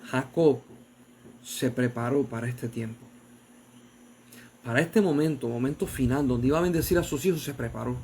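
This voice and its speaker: A man preaching a sermon as an evangelist, fervent, dropping to low murmurs and rising to loud exclamations, asking his listeners direct questions. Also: normal speed, pauses often, a little hiss or hum.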